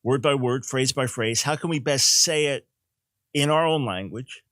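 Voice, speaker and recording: A man's voice: medium pitch, moderate pace, a bit bright, dry recording. An older man hosting a call-in talk show, explaining Bible translation in an emphatic, teaching way and often repeating a word as he restarts a phrase.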